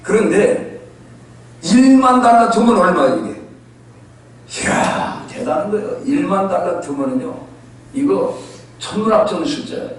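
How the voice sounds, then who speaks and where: A male pastor preaching a sermon, telling stories in a lively way and acting out the voices of the people in them. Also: sits high, moderate pace, pauses often. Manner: animated storytelling, acting out quoted voices. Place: church sanctuary. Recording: echoey church hall from far off.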